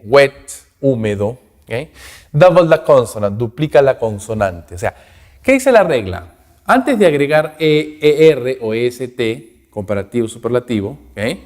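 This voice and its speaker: A man's voice: mid-range voice, darkish tone. A man teaching English grammar in a recorded lesson, explaining in Spanish and giving English example words with their translations, checking in with "ok?" after almost every point. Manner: rhythmic, repeats each word with its translation. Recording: long reverb, roomy.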